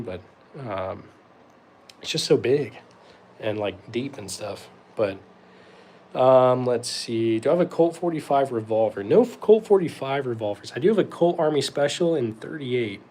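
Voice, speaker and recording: A man's voice: mid-range voice, darkish tone. Young man from North Carolina, host of a laid-back live Q&A, rambly and easygoing, plenty of ums. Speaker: host answering live chat questions. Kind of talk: casual livestream Q&A.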